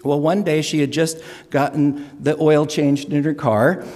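An older man giving a lighthearted stewardship pitch from the front of a church. His voice is fairly high for a man, and he tells folksy jokes with self-deprecating asides while the sanctuary adds a long reverb to every word. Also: fairly even intonation, unhurried, a little mellow. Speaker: lay speaker for stewardship drive. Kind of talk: humorous church announcement with jokes.

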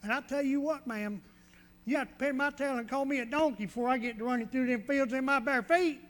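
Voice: sits high, fairly quick, fairly bright tone, big-room sound. A performer playing a bumbling, good-natured country shepherd in a nativity skit, speaking in a rural Southern US drawl full of homespun sayings. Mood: folksy.

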